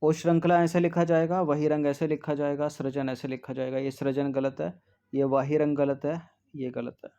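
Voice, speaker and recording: A male tutor working through exam spelling questions, slowly repeating each word and checking answers with frequent "ठीक है". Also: on the high side, level tone, mellow. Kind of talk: test-series answer walkthrough.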